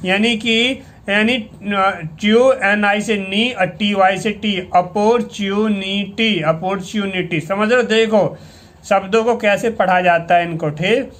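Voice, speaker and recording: A man from India teaching English reading, spelling out words letter by letter and reading them slowly aloud. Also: high voice, a bit bright. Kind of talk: slow spelled-out reading lesson. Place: coaching centre classroom.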